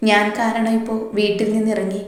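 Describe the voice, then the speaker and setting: A woman's voice: medium pitch, flat delivery, a little fast, natural voice. A woman voicing a heartbroken young woman who speaks through tears, in a story reading in an echoey room. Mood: tearful. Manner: tearful, trembling.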